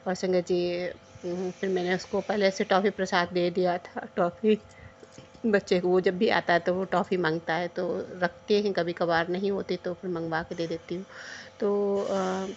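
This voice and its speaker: A middle-aged woman giving a heartfelt devotional testimony to the congregation, hesitant, with many pauses and restarts. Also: lowish voice, flat delivery, highs cut off.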